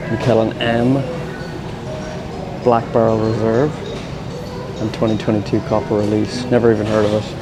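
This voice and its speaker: A man giving casual travel vlog commentary, with understated, slangy, rambling asides. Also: fairly low pitch. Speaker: travel vlogger. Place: walking around an airport terminal.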